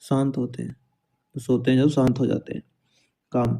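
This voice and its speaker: Male teacher, dark monotone, repetitive coaxing delivery. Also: mid-range voice, normal speed, vocal fry. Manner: repetitive, coaxing, keeps asking "is it?". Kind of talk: vocabulary lesson with memory tricks.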